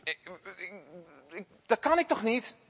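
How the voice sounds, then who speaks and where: A remorseful schoolboy, put on by a male storyteller, halting and stammering as he speaks. The voice sits a little high and rings out with a long hall reverb. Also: very animated, fairly bright tone, slightly rough, heavily acted. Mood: pleading. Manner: hesitant, stammering. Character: remorseful schoolboy with a guilty conscience.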